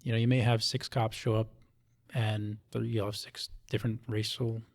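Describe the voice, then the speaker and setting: A man from Hawaii, a police officer, talks conversationally as an interview guest, explaining things and often adding short tag questions to check in. His voice sits lowish with little pitch movement, a little mellow, at a normal speed.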